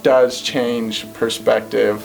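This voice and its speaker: Young male podcast host, mid-pitched, talkative and filler-heavy, soft music behind. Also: level tone, slow pace, creaky. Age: 20s. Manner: chatty, many fillers like "like" and "yeah". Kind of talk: casual podcast interview.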